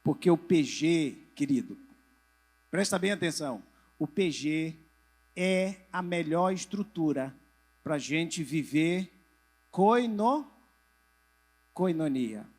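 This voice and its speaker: A man's voice: on the high side, lively intonation, slow, long pauses. A middle-aged male pastor preaching to church leaders, asking the audience questions and answering them himself, sometimes having them raise hands or turn to a neighbor. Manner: drops to a soft voice at moments. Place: church convention hall with a live audience.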